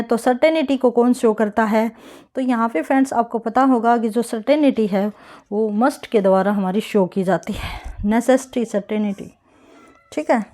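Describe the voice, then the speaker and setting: A woman, working through an exam answer key as an English tutor, reading each question slowly and then explaining it in a chatty way. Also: fairly high pitch, dark tone.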